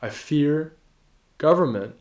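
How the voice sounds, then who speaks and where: A man's voice: on the high side, expressive, slow pace, darkish tone. Rambling man in a roomy echo. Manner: rambling, swears casually, trails off mid-sentence. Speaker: podcast co-host. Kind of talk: casual movie discussion.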